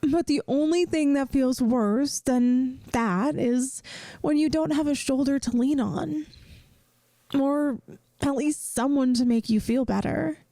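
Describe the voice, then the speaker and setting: In a soft-spoken ASMR roleplay, a woman plays a caring young best friend, gentle and earnest, sometimes hesitant, offering reassurance. Her voice sits high and she takes it slowly, with no echo and a gently reassuring mood.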